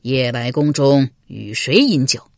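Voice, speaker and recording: A suspicious, jealous lord of middle age, as a woman narrator puts him on, his voice pushed low and kept quiet. He speaks coldly and slowly, sneering, recorded close and dry. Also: very animated, no echo, heavily acted. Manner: cold and sneering, slow and deliberate. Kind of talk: Chinese historical novel reading.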